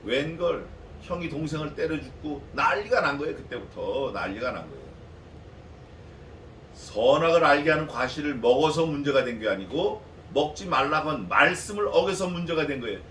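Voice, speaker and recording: A male pastor preaches an expository sermon in a church sanctuary, putting rhetorical questions to his congregation in a conversational way. His fairly high, fairly bright voice is very animated at a normal speed, captured from a distance in an echoey hall with faint noise.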